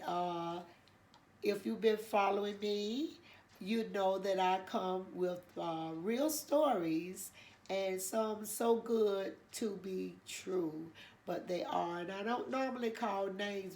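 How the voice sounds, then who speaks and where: On her own channel, an older woman tells a church story in a relaxed, chatty way. Her voice sits at a medium pitch with a somewhat dark tone, nasal and congested, and she wanders from point to point with lots of filler words.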